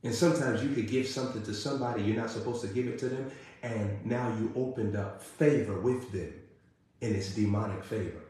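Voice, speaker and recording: A man's voice: a little fast, dark tone. Male preacher, sermon delivery, emphatic repetition, heavy room echo. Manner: rising to emphatic repeated questions, then dropping low. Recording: very echoey room.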